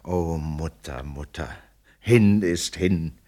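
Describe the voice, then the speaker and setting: A man voicing a young woman in grief, despairing and defiant, in a dramatic poetry recitation. His delivery swings between hushed lament and loud outcry. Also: sits low, slow, voice pushed down.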